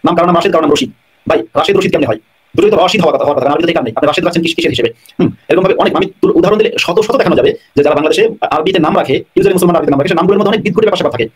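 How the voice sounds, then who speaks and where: A man answering questions on a live stream, talking very fast in a somewhat high, husky voice. He explains at length and repeats his phrases to press his points home. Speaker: guest scholar answering questions. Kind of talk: live online talk, answering callers.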